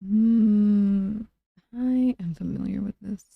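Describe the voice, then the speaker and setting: A woman streamer chatting casually with her live chat in a soft, low-key way. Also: steady tone, slow, creaky, no echo, narrow, tinny audio.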